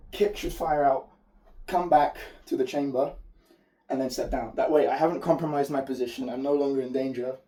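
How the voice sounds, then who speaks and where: A man with a mellow, hoarse voice that is giving out teaches technique in an informal, explanatory way. He is recorded at some distance from the microphone, as an instructor demonstrating moves. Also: medium pitch. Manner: informal, explanatory, occasional swearing. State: losing his voice, hoarse from a fever. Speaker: martial arts instructor. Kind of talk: spoken technique tutorial with demonstration. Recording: distant mic.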